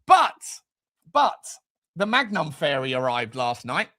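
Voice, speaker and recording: A British man in his forties hosts a casual football fan livestream, rambling, joking, and answering comments in slangy, sweary chat. His voice is a little high, pushed, and bright, with a sing-song lilt and slow pace.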